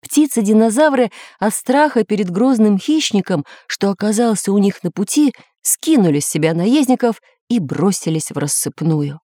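A woman narrating a children's audiobook in an expressive, measured storytelling manner. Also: mid-range voice, no room sound, studio quality.

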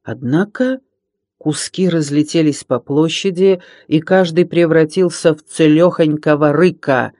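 A man reads a children's adventure storybook aloud at a steady, even pace. His voice sits a bit higher than most men's. The sound is dry and close, with no room echo. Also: unhurried. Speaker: audiobook reader. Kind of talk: storybook narration.

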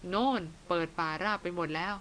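A woman's voice: lowish voice, lively intonation, fairly quick, fairly bright tone, a little hiss or hum. A woman voicing an old male jungle guide who grumbles and scolds, clicking his tongue. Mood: grumbling.

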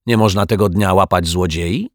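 A man's voice: low-pitched, normal speed, dry recording, clean studio sound. A man voicing a boastful, haughty male zombie in a children's story, drawling and sneering. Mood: scornful. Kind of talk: storybook reading.

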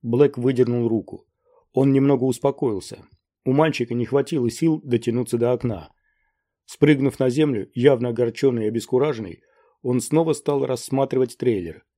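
A man reading a crime novel aloud as an audiobook narrator, in steady scripted narration. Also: medium pitch, moderate pace.

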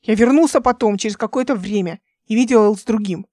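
A young captain speaks in clipped, insistent phrases, as a woman narrator plays him. Her voice sits fairly high and dry. The tone stays tense and defensive. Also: fast, dark tone, no echo, close to an everyday voice.

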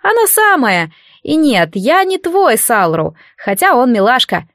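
A woman's voice: fairly high pitch, sing-song, measured pace, a bit bright, no echo, studio quality, full character voice. A woman reading an audiobook and voicing a cheeky, shape-shifting child god in the form of a young boy, petulant and teasing with a grown-up edge. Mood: mocking. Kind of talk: audiobook character voice.

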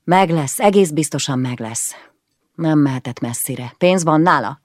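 A woman doing a brisk, practical husband. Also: deep voice, dry recording, studio quality. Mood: calming, practical. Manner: calm, brisk, gives clear instructions. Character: practical, no-nonsense middle-aged husband.

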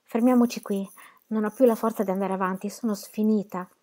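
A woman's voice: mid-range voice, steady tone, fairly quick, dark tone, natural voice. A woman reading aloud voices a frightened, exhausted young woman caught in a storm, pleading and breathless. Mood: weary.

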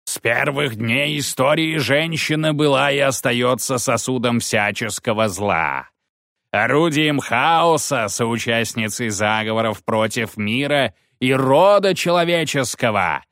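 A male narrator voicing a gaunt fanatical priest who preaches in a slow, drawn-out tirade in an audiobook. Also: mid-range voice, animated, a bit bright, no room sound, clean studio sound, pitched above the performer's own voice. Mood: ranting. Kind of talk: audiobook character voice.

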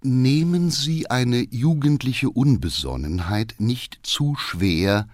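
A man reading aloud voices an older school director who lectures slowly in a low, moralizing tone. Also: animated, darkish tone, no echo, clean studio sound. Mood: preachy.

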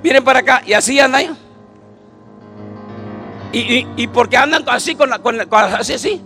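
A man's voice: extremely high pitch, moderate pace, sharp tone, soft background music. A man, preaching a joking sermon to a church congregation and often calling out to them for agreement. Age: 50s. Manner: joking, calls out to the audience with repeated "right?".

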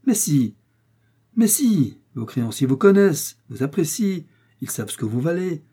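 A man voicing a shrewd, blunt older village mayor from Normandy, lecturing his son-in-law in a dark, husky voice. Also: fairly high pitch, expressive, a little fast, voice pushed up. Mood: stern.

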